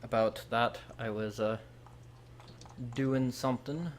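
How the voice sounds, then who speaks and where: A man's voice: medium pitch, slow pace, slight background noise. A young man hosting a live stream, chatting casually and talking straight to viewers by name.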